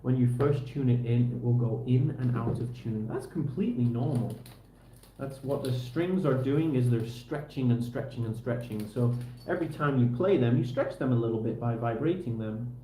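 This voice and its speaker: This livestreamer is working on a guitar, talking in an easygoing way to both his viewers and himself as he does the hands-on repairs tutorial-style. His voice is medium in pitch and dark in tone, moving at a moderate pace. Faint background noise and a roomy echo can be heard.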